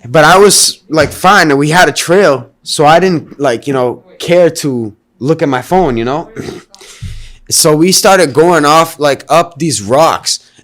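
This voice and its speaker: A man's voice: a little high, takes it slowly, fairly bright tone. A man in a casual chat, recounting a hike in slangy, filler-heavy speech. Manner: slangy, filler-heavy, says "bro" and "you know". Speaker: hiker recounting a climb.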